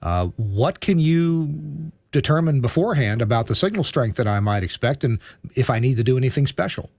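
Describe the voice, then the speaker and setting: Male host for technical interview, middle pitch, articulate and orderly, dry sound. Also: lively intonation, moderate pace, vocal fry, darkish tone, slightly rough, dry recording. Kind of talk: measured conversational interview.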